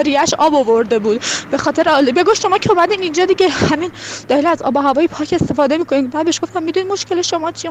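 A woman's voice: sits high, a little hiss or hum. A young woman from Khuzestan giving a heated, indignant personal testimony. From Khuzestan, Iran.

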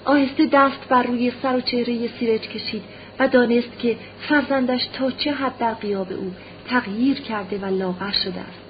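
Woman reading a novel, measured. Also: fairly high pitch, steady tone, lo-fi sound, slight background noise. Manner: measured storytelling. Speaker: narrator. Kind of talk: audiobook reading of a classic novel.

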